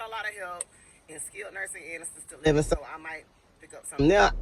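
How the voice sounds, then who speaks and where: A woman's voice: low voice, a little mellow, poor audio. A woman who works as a nurse, telling a story to her viewers in a casual, emphatic way and calling them y'all.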